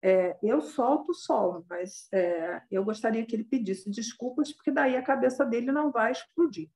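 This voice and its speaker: A compassionate male ascetic speaks in a patient, explanatory way, as a woman puts him on. His voice sits somewhat above her normal pitch, and he keeps pleading his case. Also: moderate pace, darkish tone, echoey room, close to an everyday voice. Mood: reasoning, compassionate.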